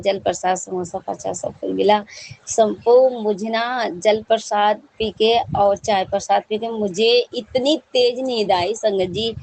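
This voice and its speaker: A woman's voice: mid-range voice, a little mellow, no room sound, poor audio. A woman giving a devotional testimony to a congregation, talking in a chatty, repetitive and fervent way. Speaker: devotee sharing a satsang experience.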